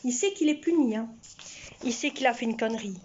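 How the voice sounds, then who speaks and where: A woman's voice: a little high, animated, brisk, darkish tone, dull audio, a little hiss or hum. A woman, chatting to her camera at home in a rambling way that often repeats itself. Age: 60s. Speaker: vlogger. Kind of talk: casual chat to camera. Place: at home, indoors. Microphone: camera in front of her.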